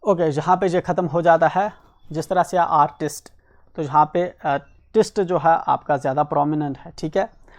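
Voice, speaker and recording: A male teacher explaining an English textbook lesson in Hindi, who spells words out letter by letter, keeps adding "ठीक है ना", and reads English lines slowly before explaining them quickly. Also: on the high side, steady tone, darkish tone. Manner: repeats "ठीक है ना" as a filler.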